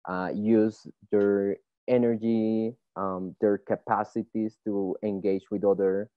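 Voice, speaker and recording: A man moderating an online panel, speaking haltingly and repeating words. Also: fairly low pitch, little pitch movement, no echo. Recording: tinny dry phone-like call audio.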